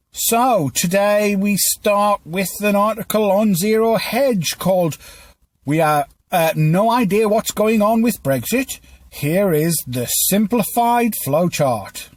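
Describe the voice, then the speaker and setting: A man's voice: sits high, animated, slow pace, no room sound. A man hosting a news commentary podcast, reading from a script in a stilted, teleprompter-like way with small stumbles. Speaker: podcast host.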